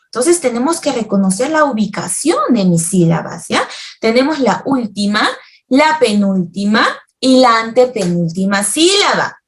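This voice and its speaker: A woman's voice: on the high side, sing-song, normal speed. A woman teaching a children's grammar lesson, speaking patiently and often checking that the listeners follow.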